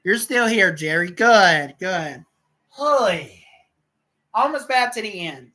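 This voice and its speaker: A woman's voice: mid-range voice, animated, slow, sharp tone, rough recording. A woman hosting a livestream, telling a rambling story with lots of repetition and cursing. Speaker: livestream host.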